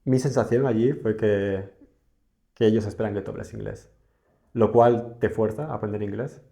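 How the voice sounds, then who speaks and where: A man's voice: fairly low pitch, steady tone, moderate pace, creaky, warm tone. A young man from Spain, a podcast guest, talking casually and reflectively with frequent hesitations. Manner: reflective, hesitant with many fillers. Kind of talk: casual interview conversation.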